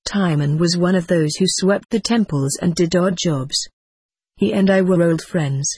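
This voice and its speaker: A man's voice: sits high, unhurried, darkish tone, slightly rough, no echo. A man reading a first-person adventure story aloud with dramatic expression. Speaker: audiobook narrator.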